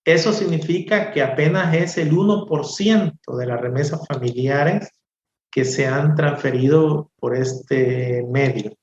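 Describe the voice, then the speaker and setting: Male economist guest from El Salvador, unhurried and hesitant, echoey lo-fi remote sound. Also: fairly high pitch, darkish tone, a little hiss or hum. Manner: slow, measured, hesitant with many fillers. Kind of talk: interview answers. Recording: echoey, dull remote audio.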